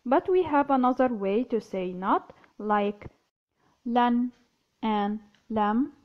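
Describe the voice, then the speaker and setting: Slow, careful woman teaching Arabic. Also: on the high side, dull audio. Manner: slow, careful explaining, mixing English and Arabic. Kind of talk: language lesson, reading a story aloud.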